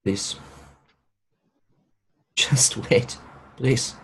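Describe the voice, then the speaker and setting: A man voicing a solemn male elf mage who speaks gravely and slowly while explaining a ritual.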